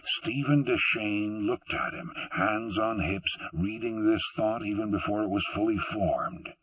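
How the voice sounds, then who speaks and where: A man reading an audiobook in a measured, deliberate narration with a husky voice. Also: fairly low pitch, fairly bright tone, dry recording, far from the mic, poor audio. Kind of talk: scripted narration.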